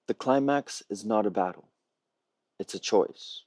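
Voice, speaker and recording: A filmmaker pitches a feature film from prepared material, speaking in measured, earnest phrases like a storyteller working from notes. His voice is low, husky, rough-edged and darkish. The dry, echo-free sound has very little room to it, as on a video call.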